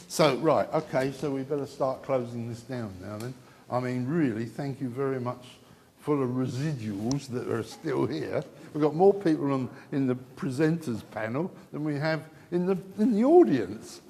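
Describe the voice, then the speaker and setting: A man's voice: mid-range voice, dark tone, slight background noise. A man moderating a conference panel, wrapping up with rambling, chatty remarks that often restart mid-sentence. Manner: rambling, chatty, self-interrupting. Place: conference hall. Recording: long hall reverb.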